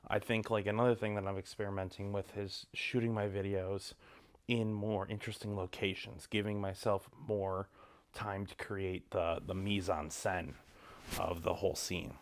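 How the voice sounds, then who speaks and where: A young man talking to camera in a cold home garage, giving relaxed, rambling advice with lots of ums and likes. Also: deep voice, normal speed. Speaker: vlogger. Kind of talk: casual advice talk to camera.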